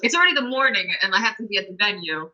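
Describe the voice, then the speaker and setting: A woman's voice: medium pitch, rapid-fire, highs cut off. A young adult woman, a guest musician, telling a story in casual chat and acting out what people said. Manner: animated, acts out quotes, many "I'm like".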